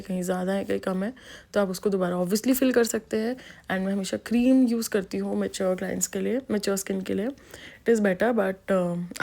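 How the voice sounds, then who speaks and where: Casting: Indian woman, makeup artist, casual tutorial voice-over, mid-pitched, chatty with filler ums. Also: vocal fry, dark tone. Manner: chatty Hindi-English mix, frequent ums and restarts.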